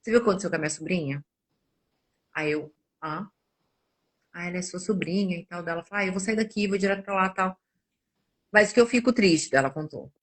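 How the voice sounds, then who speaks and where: A woman's voice: medium pitch, slightly rough. A woman in her forties, a nutritionist, telling personal stories in a casual podcast chat and acting out the quoted dialogue. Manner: animated, acts out quoted dialogue.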